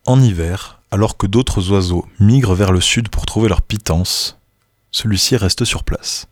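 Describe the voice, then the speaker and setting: Deep, husky male nature documentary narrator. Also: no echo. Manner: measured, informative, read from a script.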